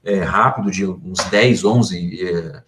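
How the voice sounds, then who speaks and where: A man's voice: low voice, takes it slowly, fairly bright tone, slight background noise. A man with a Brazilian Portuguese accent co-hosting a casual Bible discussion, explaining the stories and closing the episode. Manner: explanatory, wraps up and signs off the episode. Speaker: co-host.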